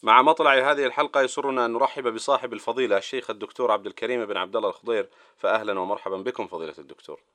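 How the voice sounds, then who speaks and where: A man's voice: mid-range voice, rapid-fire, sharp tone, dry recording. A man hosting a programme, presenting and reading aloud in formal Standard Arabic. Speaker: programme host.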